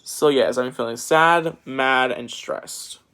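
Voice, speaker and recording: A man's voice: medium pitch, slow, fairly bright tone, smooth. A teenage boy talking casually to his vlog viewers, rambling and switching accents now and then. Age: teens. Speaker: vlogger. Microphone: phone.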